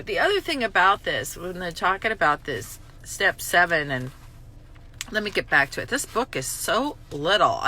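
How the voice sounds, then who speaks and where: Blunt, animated woman vlogger. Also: on the low side, slight background noise. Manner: blunt, swears, self-mocking, emotional swings. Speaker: recovery vlogger. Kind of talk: candid spoken reflection on a daily reading.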